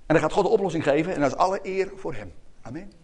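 A man preaching a lively sermon, calling out to the congregation for amens. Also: a little high, very fast. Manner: animated, calls out to congregation for amens.

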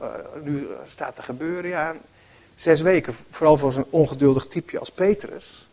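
A man preaching a sermon and reading from the Bible in a conversational way, often pausing with fillers and correcting himself. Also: on the high side, darkish tone.

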